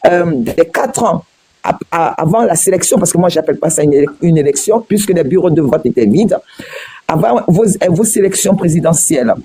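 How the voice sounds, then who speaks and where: A woman's voice: on the low side, dark tone, slightly rough. A woman from Guinea in a heated panel debate, firing repeated pointed questions with many hesitations and restarts. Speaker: debate participant.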